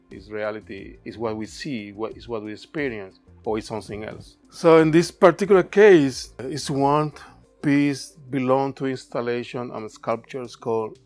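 A Cuban artist with a medium-pitched voice reflects on his work in a cluttered indoor studio workshop. Spanish is his first language, and he speaks thoughtfully with a Cuban accent and halting, non-native grammar.

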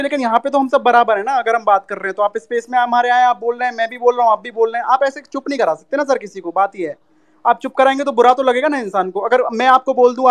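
Very high-voiced fast-talking man host. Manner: rapid, pleading and earnest. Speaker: host of the audio chat room. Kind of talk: moderating an online debate. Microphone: phone on mobile data.

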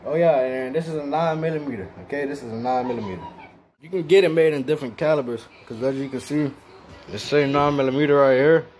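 A man's voice: medium pitch, fast talker, darkish tone, a little hiss or hum. A man giving a casual, slangy gun review on his channel, talking straight to viewers with a mouth guard in. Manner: slangy, laid-back, addresses viewers directly.

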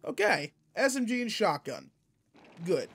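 Heavily acted, his voice is high-pitched and sing-song, unhurried, gravelly and husky with a fairly bright tone. He plays a laid-back veteran space guardian mentor in a game roleplay monologue, teasing and instructing a partner in a casual, slangy, wry way.

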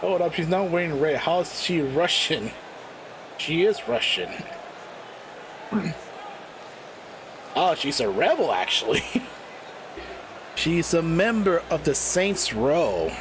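A man's voice: a little high, big pitch swings, takes it slowly, pauses often, background noise. A man doing casual, rambling commentary on a live stream, giggling often and apologizing with a laugh. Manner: giggly, rambling, self-deprecating. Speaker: wrestling commentator.

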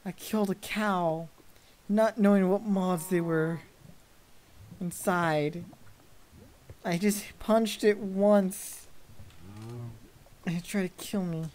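A woman's voice: mid-range voice, steady tone, slow, pauses often, a little mellow. A young woman commentating her gameplay casually, easily frightened and exclaiming in panic.

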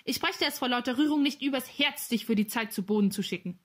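A woman's voice: fairly high pitch, fast, natural voice. A woman voicing a cheerful, good-natured schoolboy in a storybook reading. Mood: happy.

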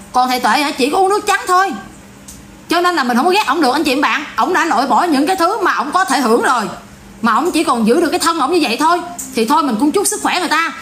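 A little hiss or hum sits under this woman's high voice as she vlogs with a Southern Vietnamese accent. Casual and blunt, she rants to her viewers in an animated, repetitive way.

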